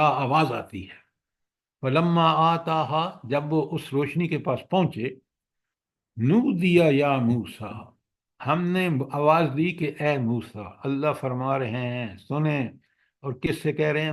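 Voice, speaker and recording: Guy teaching quran to a class, asks them questions, slows right down for the verses, mid pitch. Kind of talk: Quran commentary lecture.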